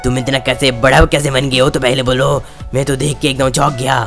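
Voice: medium pitch, flat delivery, a little fast, over music, lightly acted. A man doing a fatherly old lion king. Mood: proud.

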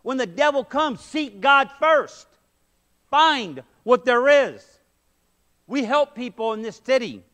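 A middle-aged male pastor preaching from the front of a mid-sized church. His voice sits unusually high for a man, and he presses his points with emphatic rhetorical questions. He speaks through a headset mic. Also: sing-song, takes it slowly, bright, forceful tone. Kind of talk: sermon. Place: church sanctuary, medium-sized, indoors.

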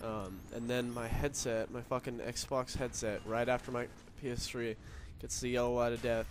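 A man's voice: medium pitch, little pitch movement, normal speed. Sick, nasal young man rambling. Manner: rambling, many fillers, swears casually. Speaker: gaming commentator. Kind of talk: casual gameplay commentary. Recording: noisy with game gunfire behind. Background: game gunfire.

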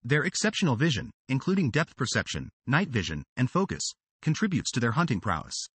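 A man's voice: medium pitch, very animated, brisk, fairly bright tone, slightly rough, no room sound. A man narrating a wildlife documentary script with a dramatic, sweeping delivery.

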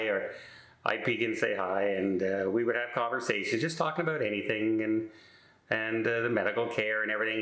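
Middle-aged man, casual rambling storyteller, bright voice, echoey room. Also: mid-range voice. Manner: rambling, many filler words and restarts. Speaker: vlogger.

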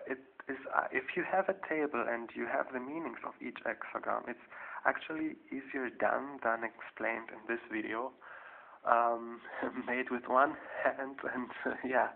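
Halting man, slow gravelly tinny audio. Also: mid-range voice. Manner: halting, many fillers and restarts. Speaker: video tutorial maker. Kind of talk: casual explanatory how-to. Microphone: handheld camera mic. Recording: tinny lo-fi camera audio, faint hiss.

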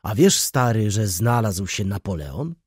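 A man reading the part of a coarse, blunt old man in an audiobook, speaking gruffly. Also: medium pitch, big pitch swings, measured pace, mellow, no echo, clean studio sound, full character voice. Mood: excited.

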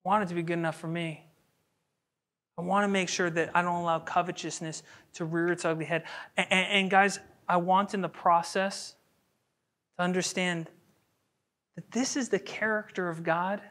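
A man preaching a sermon with a bright, forward tone. He talks to his congregation casually, tossing out rhetorical questions and slipping into playful voices for everyday quotes. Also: high voice, moderate pace, pauses often. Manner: lively, conversational, full of rhetorical questions. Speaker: pastor. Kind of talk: expository sermon.

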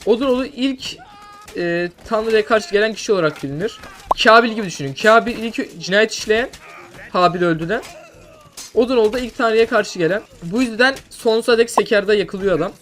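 Fast-talking young man, swearing streamer. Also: high voice, slight background noise. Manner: rambling, then loud swearing outbursts. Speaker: gameplay streamer. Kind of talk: casual gameplay commentary with mock lore. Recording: faint music behind.

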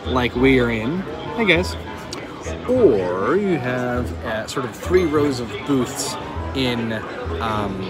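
A man's voice: mid-range voice, lively intonation, takes it slowly, loud music behind the voice. A man in his thirties chatting upbeat as a vlog host, filming himself with a phone at arm's length in a dim themed restaurant. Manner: chatty, upbeat, describing food and places. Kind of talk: casual vlog chat. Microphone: phone camera at arm's length.

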